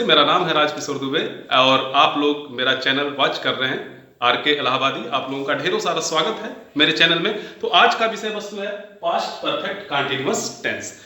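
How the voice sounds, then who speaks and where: A man's voice: on the high side, sharp tone. A man teaching a grammar lesson to viewers, explaining step by step and repeating his examples. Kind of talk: Hindi-medium grammar lesson. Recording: very echoey room.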